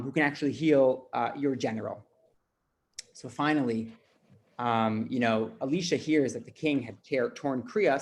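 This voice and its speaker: A man, a rabbi, teaching a casual Bible lesson, acting out the dialogue and often repeating words as he talks. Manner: animated, repeats words, acts out dialogue with pitch jumps.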